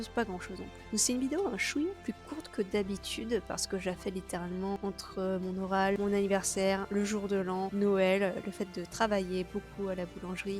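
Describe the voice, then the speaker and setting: A young woman hosting a casual video, chatting through a season's releases with fillers and quick asides. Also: mid-range voice, a little mellow. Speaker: anime video host.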